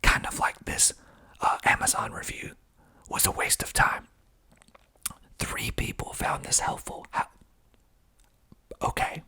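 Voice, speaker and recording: A filmmaker-actor hosting ASMR content reads aloud almost entirely in a breathy whisper. His delivery is slow and deliberate, punctuated by wry deadpan humor.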